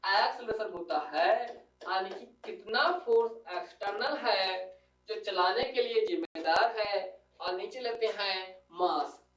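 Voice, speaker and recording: A man's voice: sits high, unhurried, fairly bright tone. A male physics teacher giving a classroom lecture, coaxing his students and often checking that they follow. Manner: coaxing, calls students "beta" and keeps asking "clear?". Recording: echoey room, distant lo-fi mic.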